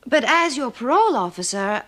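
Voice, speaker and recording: A woman's voice: high-pitched, sing-song, fairly bright tone. An actress playing a firm, formal woman prison official in a television drama. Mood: friendly. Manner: measured, formal, authoritative.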